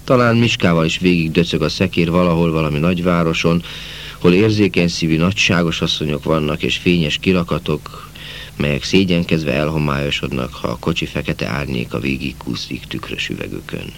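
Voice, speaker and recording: A man reads a novel aloud in a calm, measured way, his sentences sinking at their ends. His voice is very deep. A faint hiss runs underneath. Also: gravelly. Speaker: audiobook narrator. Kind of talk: scripted novel narration.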